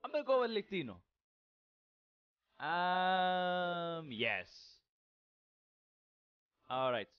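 A man's voice: high voice, sing-song, very slow, long pauses, clear, resonant tone, muffled recording. A man casually commenting on a game he is playing, rambling, joking and swearing freely. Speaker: gaming channel host. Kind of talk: casual let's-play commentary.

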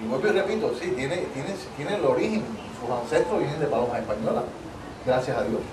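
Interviewed casually on an outdoor patio, this Cuban pigeon breeder in his thirties talks a little fast in Cuban-accented Spanish, with lively intonation at a medium pitch. He keeps repeating and restarting phrases for emphasis. The sound comes from a distant camera, so it's noisy and echoey.

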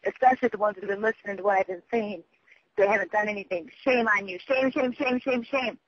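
A woman's voice: mid-range voice, quick pace, no room sound. A woman leaves a long voicemail message, talking in a rambling, scattered and urgent way and swearing as she goes. The sound is muffled and lo-fi, as over a phone line.

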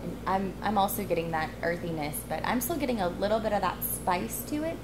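A woman's voice: mid-range voice, brisk, heavy background noise. A young woman chatting casually about a cigar's flavors in a lounge, thoughtful and descriptive. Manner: thoughtful, descriptive, a few restarts. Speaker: cigar reviewer. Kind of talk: casual cigar review chat. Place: cigar lounge, indoors, leather chairs.

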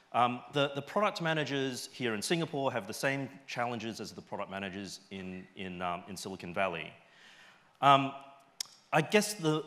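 A middle-aged man with an Australian accent presents informally from a big indoor auditorium stage, his medium-pitched voice pushed and bright. The conference speaker keeps a chatty style, frequently tossing in brief tag questions to check in with the audience.

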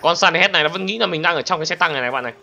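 A young man commentating a game, excitable and talking straight to viewers, bursting into panicked shouts. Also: fairly high pitch, rapid-fire, gravelly, noisy background. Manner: talks to viewers directly. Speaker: gaming channel host. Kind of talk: let's play commentary. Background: loud game music.

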